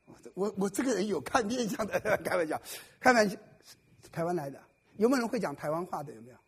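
Fast and expressive, a pastor with a high, a bit bright, slightly rough voice preaches to the congregation at a church service. He plays with the crowd, quizzing them and tossing out jokes.

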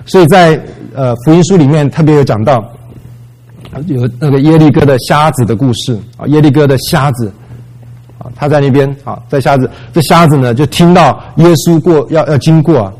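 A man delivers a sermon in a chatty, conversational way. He drops English words into his talk. His voice sits a little high for a man. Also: normal speed, darkish tone, low-quality recording. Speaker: preacher.

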